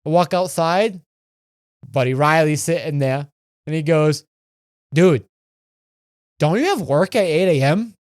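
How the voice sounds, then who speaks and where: A man's voice: on the high side, unhurried, long pauses, darkish tone, no echo, studio quality. A young man in his twenties, a podcast co-host telling a rambling, profane story in casual chat.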